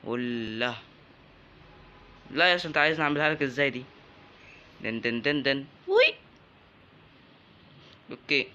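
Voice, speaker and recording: A young man with an Egyptian Arabic accent, a gaming YouTuber, gives casual let's-play commentary while he plays, joking around and yelping excitedly at enemies. His voice sits at a medium pitch and moves at a moderate pace with long pauses. The high frequencies are cut off in the recording.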